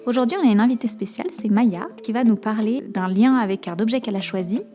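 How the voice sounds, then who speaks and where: A woman hosting a podcast, introducing her guest and asking questions. Her voice sits a little high and sounds mellow. Faint music plays softly behind her. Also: fast talker. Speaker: podcast host.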